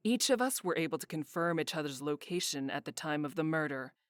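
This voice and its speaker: An actor plays the curt, condescending head of a town guard in a fantasy visual novel, with a matter-of-fact mood and light acting. The voice is medium-pitched, animated, and brisk, captured in a dry, studio-quality recording.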